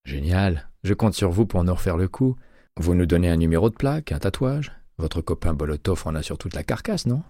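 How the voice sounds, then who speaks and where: A man's voice: low voice, fast, few pauses, a little mellow, dry recording, clean studio sound. A man voicing a hostile male police detective who speaks with sarcasm and provocation. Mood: sarcastic.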